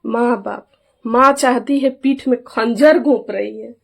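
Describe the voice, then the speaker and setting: A woman's voice: fairly high pitch, fairly even intonation, a little slow, gravelly. A middle-aged woman, speaking as an aggrieved mother in a casual vlog. She talks emphatically and keeps asking those around her to back her up. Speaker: mother airing a family grievance.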